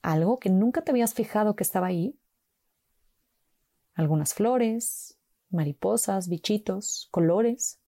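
A woman slowly guiding a mindfulness walk with calm, gentle instructions and long pauses. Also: medium pitch, dry recording, clean studio sound. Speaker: meditation guide.

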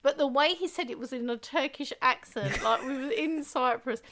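Bright, animated woman. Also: sits high, normal speed. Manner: animated storytelling, laughs easily. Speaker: podcast co-host. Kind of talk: casual chat. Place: living room at home.

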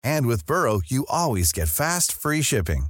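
A man's voice: mid-range voice, sing-song, moderate pace, no echo, studio quality. A man reading a scripted podcast ad in an upbeat way. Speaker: ad reader. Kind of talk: scripted ad read.

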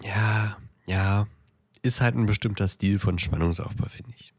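A podcast co-host with a head cold banters casually, often groping for the right word. His voice is fairly low and measured in pace. Recorded on a close podcast mic, the sound is clean studio audio with no room sound.

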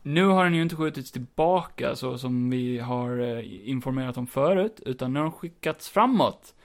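Gravelly man in casual podcast chat. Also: mid-range voice. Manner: relaxed, explains and opines with filler "eh".

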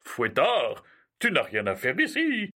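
A jolly, carefree old Father Christmas in an audio storybook. He speaks slowly, with a lively, swinging melody and a bright tone. His manner is calm and reassuring, brushing off every worry. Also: on the high side, full character voice. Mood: jovial.

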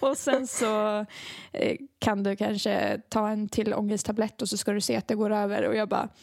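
A woman's voice: medium pitch, little pitch movement, gravelly, a little mellow, no room sound, studio quality. A young woman in casual chat, animatedly telling a story, acting out the dialogue and laughing often. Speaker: podcast co-host, songwriter.

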